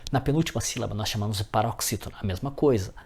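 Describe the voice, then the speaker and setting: A man's voice: lowish voice, racing, darkish tone, husky. A man teaching a grammar lesson, often checking in with his viewers as friends.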